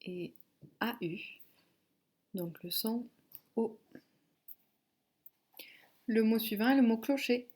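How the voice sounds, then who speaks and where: A woman teacher giving a phonics and spelling lesson to a child, dictating syllables slowly and clearly. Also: on the high side, darkish tone. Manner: slow, clearly articulated dictation.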